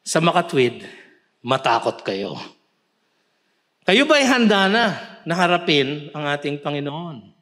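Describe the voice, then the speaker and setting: A man with a Filipino accent preaching a sermon, mixing Tagalog with English scripture quotes and swelling into emphatic shouts. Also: a little high, very animated, slow pace, pauses often. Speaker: pastor. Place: church.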